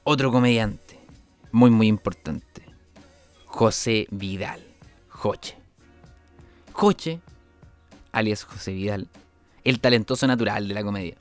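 A man's voice: lowish voice, slow, long pauses, soft background music. A young man with a Chilean accent, a comedian telling rambling stories of his stand-up shows, full of sound effects and restarts. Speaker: comedian host. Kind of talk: comic storytelling.

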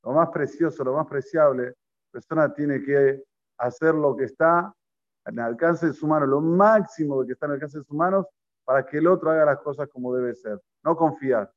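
A man's voice: fairly high pitch, normal speed. A man teaching a Torah class, telling stories and putting questions to his listeners. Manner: storytelling, poses questions to listeners, mixes in Hebrew terms. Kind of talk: Torah class to a live group. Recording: lo-fi recording.

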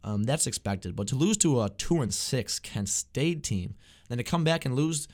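Halting young man talking college football. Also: medium pitch, lively intonation, a little mellow. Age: young adult. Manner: halting, repeats words often. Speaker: student sports reporter, show host. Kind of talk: casual sports talk.

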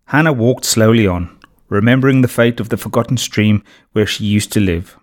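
A man's voice: lowish voice, moderate pace. A man steadily reading a children's storybook as narrator.

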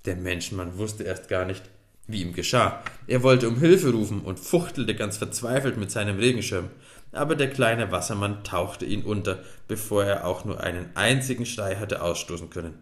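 Male storybook narrator, low voice, roomy echo, lively read. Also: moderate pace. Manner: lively, expressive reading. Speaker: audiobook narrator. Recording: echoey room.

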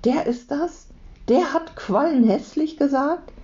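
A woman reading aloud as a curious, excited little girl who whispers eager questions. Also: lowish voice, measured pace, muffled recording.

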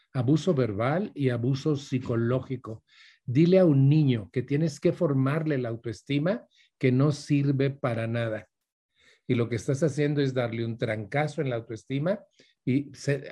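Man, Mexican Spanish accent, conversational lecture, talks straight to the audience, personal stories, husky voice. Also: medium pitch, mellow. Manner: addresses listeners directly, mixes in personal stories. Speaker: speaker giving a talk on parenting.

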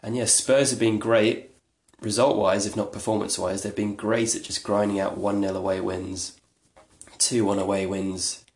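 A man's voice: fairly low pitch, steady tone, moderate pace, a little mellow. A man hosting a solo podcast, talking in a rambling, chatty, self-deprecating way. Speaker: podcast host. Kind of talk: casual solo podcast talk. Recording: echoey room.

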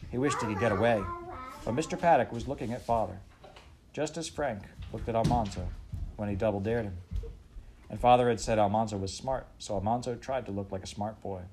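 A man reading a children's book aloud in a calm, even storytelling manner. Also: on the low side, brisk, over music. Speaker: audiobook reader.

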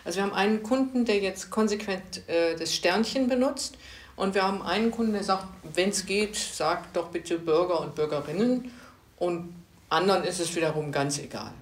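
A woman co-hosting a casual talk show, chatting in quick asides. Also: on the low side. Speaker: podcast co-host. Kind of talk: casual chat. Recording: echoey room.

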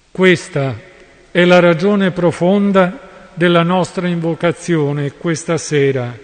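A man preaching a solemn sermon with slow, deliberate delivery in a large church. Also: fairly high pitch. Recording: long church reverb.

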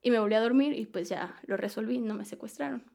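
A woman's voice: fairly high pitch, fast talker, gravelly. Young Mexican woman, slangy and laughing. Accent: Mexican Spanish. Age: young adult. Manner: slangy, laughs often, animated storytelling. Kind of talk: casual chat.

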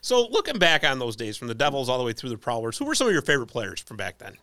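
A man's voice: medium pitch, wildly swooping pitch, very fast, bright, forceful tone, no echo, studio quality. A man hosting a casual interview podcast, asking questions and chiming in with laughs. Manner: asks questions, chimes in with laughs. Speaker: podcast host.

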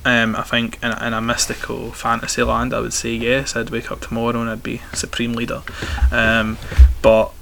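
A man's voice: mid-range voice, completely flat delivery, moderate pace, gravelly, few pauses, sharp tone, a little hiss or hum. A young man with a broad Scottish accent from Glasgow, answering interview questions in a talkative, conversational way, often repeating the starts of his phrases. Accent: strong Glaswegian. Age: young adult.

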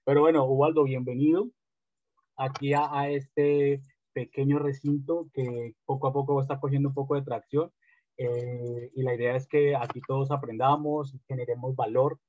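A man hosting a casual interview podcast, relaxed and hesitant, with frequent fillers. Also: medium pitch, moderate pace, a little hiss or hum. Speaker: podcast host. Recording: dry, tinny phone-like line.

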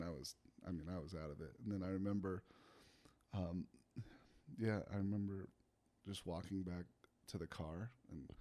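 A man's voice: deep voice, mellow. A young man, a guest, telling a story in casual chat, laid-back and laughing often between lots of fillers. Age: young adult. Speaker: guest, pitcher.

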